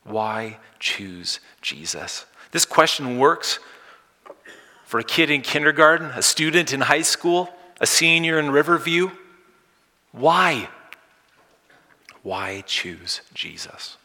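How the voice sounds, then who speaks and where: Male pastor, bright forceful tone, dynamic sermon delivery that swells loud then drops soft, long hall reverb. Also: on the high side, sing-song, slow pace, pauses often. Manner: dynamic, swinging from loud emphasis to soft hushed lines.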